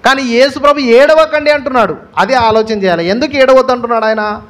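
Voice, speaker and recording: A male pastor with a Telugu accent preaches with a lot of emphasis. His voice sits high for a man, and he leans on repetition and rhetorical questions to drive each point home. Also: quick pace, a bit bright. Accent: Telugu, Andhra Pradesh. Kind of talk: sermon.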